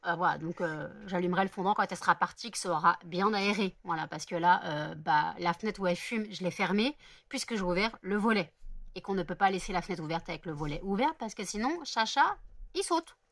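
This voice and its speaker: A woman's voice: lowish voice, lively intonation, brisk, fairly bright tone, dry recording. A woman chatting casually in a home vlog, rambling with many fillers and self-corrections. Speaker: vlogger. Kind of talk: casual daily vlog chat.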